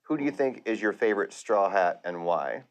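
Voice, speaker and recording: A man interviewing a voice actor calmly in a casual interview. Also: lowish voice, fairly quick, background noise.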